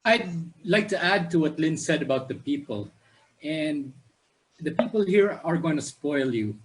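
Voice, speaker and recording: A man on a dive panel telling lively stories in casual chat. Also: fairly high pitch, measured pace, rough recording.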